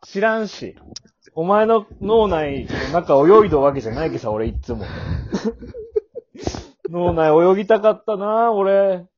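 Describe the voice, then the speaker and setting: Teasing man, wildly swinging pitch. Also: sing-song, measured pace, pauses often, muffled recording. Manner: teasing, mock-angry scolding with sudden shouts. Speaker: podcast co-host. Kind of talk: casual chat.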